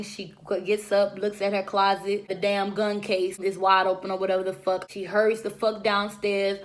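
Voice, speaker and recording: A young woman casually recapping a TV episode, swearing freely and acting out the characters' lines. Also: mid-range voice. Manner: animated, acts out characters' lines. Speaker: TV recap vlogger.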